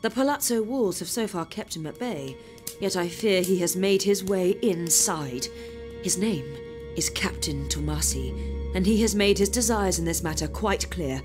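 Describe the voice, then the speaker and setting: Low-voiced, haughty noblewoman. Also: lively intonation, music in the background. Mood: grave. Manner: formal, theatrical, measured phrasing. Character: haughty, elegant Venetian noblewoman, imperious and guarded. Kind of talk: full-cast audio drama acting.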